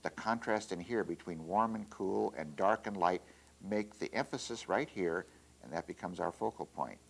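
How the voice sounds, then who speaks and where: A middle-aged man with a somewhat low voice gives an art lesson while he demonstrates. He speaks in a relaxed, halting way, often pausing on fillers and restarting his phrases. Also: creaky. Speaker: art teacher. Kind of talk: instructional demonstration.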